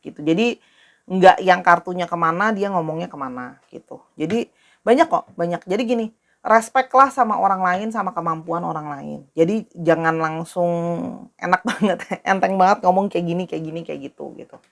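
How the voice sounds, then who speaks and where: A woman's voice: lowish voice, moderate pace, gravelly. A woman doing a casual tarot reading, talking straight to her viewers in a friendly, repetitive way. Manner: friendly, talks directly to viewers, repeats herself. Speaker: tarot reader.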